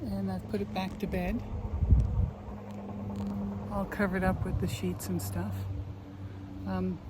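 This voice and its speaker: A woman's voice: medium pitch, flat delivery, slow. A middle-aged woman in a casual, folksy video diary, talking plainly through everyday chores as if to family. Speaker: home vlogger. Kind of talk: casual chatty video diary addressed to their father. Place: outdoors in a garden, later indoors at home. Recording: clear ambient background noise.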